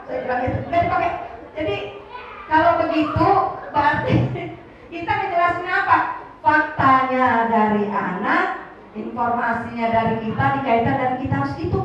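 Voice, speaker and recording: High-voiced woman giving a lively parenting talk. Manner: lively, laughing, acts out dialogue. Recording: echoey hall, distant mic, dull and noisy.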